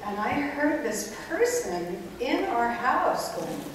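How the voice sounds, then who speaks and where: A woman telling family stories to a live audience in a chatty, animated way. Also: fairly high pitch, takes it slowly. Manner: chatty, animated, with many fillers. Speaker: panel speaker. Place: large indoor event hall. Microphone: far camera. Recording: echoey hall from far off, noisy.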